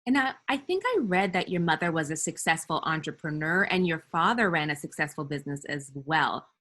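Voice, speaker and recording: A woman's voice: low-pitched, lively intonation, brisk, pushed and bright. A woman hosting an interview podcast, asking prepared questions and adding brief friendly responses. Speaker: podcast host.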